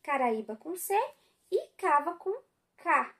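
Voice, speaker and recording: A Brazilian woman teacher gives a calm school lesson in a high voice. She speaks slowly and patiently, drawing out words so children can follow each exercise. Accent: Brazilian Portuguese.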